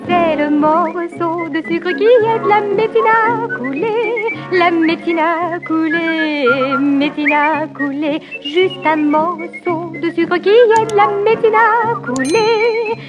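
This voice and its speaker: An actress singing as a cheerful, prim magical nanny in a dubbed musical film. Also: female voice, very high voice, takes it slowly, few pauses. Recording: dull old soundtrack, loud music.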